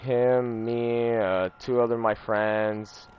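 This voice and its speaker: A gaming streamer, a young man, rambles through a personal story while playing, swearing frequently, repeating himself and filling with "like" and "you know." His medium-pitched voice is flat, slow, clear and resonant, but the recording is muffled.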